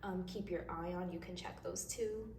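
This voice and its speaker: This tarot reader and host speaks in a lowish, darker voice with vocal fry, keeping a steady tone at a normal pace. She's casual, chatty, and reassuring, though slightly congested from crying. The distant mic picks up a roomy echo and faint noise.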